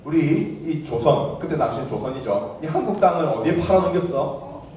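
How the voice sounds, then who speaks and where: A young man preaching a lively sermon to children, asking them questions and acting out the characters' words. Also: fairly high pitch, brisk, slight background noise. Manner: animated, asks the children questions and acts out quotes. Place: church hall with children. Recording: echoey church hall, mic at a distance.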